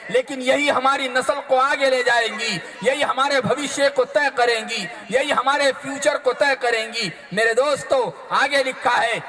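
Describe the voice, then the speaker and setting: A man's voice: extremely high pitch, sharp tone. A male preacher, giving an impassioned, repetitive sermon that addresses the audience as friends. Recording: long hall reverb.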